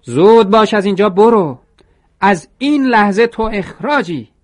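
A man voicing an angry middle-aged shop manager who yells curt orders at an employee. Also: high voice, expressive, pitched above the performer's own voice. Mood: furious.

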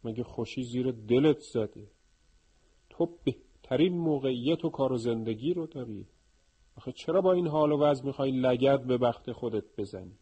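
A man voicing a male house peacock who is eager, envious and sharp-tongued, scolding in a raised voice. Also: medium pitch, husky, close to an everyday voice, poor audio.

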